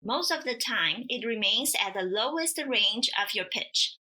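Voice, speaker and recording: A woman teaching pronunciation in a scripted lesson, speaking slowly and carefully as she demonstrates. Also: a little high, lively intonation, sharp tone. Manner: slow, careful, demonstrative delivery. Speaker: language teacher.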